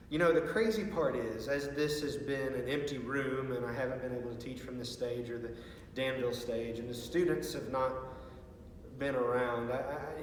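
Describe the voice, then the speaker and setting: Man in a very echoey empty hall. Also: mid-range voice. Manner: earnest, halting, with repeated words. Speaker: youth pastor. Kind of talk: informal video message to parents. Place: large empty student ministry room with stage. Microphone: far from the speaker. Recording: very echoey hall, distant mic, faint noise.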